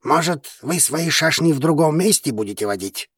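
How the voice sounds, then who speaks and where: A man's voice: fairly high pitch, lively intonation, moderate pace, husky, dry recording, clean studio sound. A man voicing a grumpy, irritable starship crewman who grumbles his lines. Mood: grumbling.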